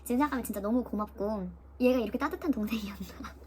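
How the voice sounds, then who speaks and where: A woman's voice: a little high, quick pace, a little hiss or hum. A young woman vlogger casually retelling a personal experience, often imitating the voices of others. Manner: lively, mimics voices of nurses and her sister while retelling. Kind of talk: casual storytelling vlog.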